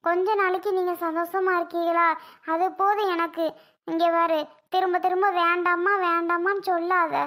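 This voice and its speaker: A woman's voice: very high-pitched, flat delivery, normal speed, fairly bright tone. A woman voicing a stubborn elderly mother in a cartoon, talking in a firm, insistent way. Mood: tender. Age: older. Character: stubborn elderly mother giving her kidney. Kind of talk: cartoon voice acting.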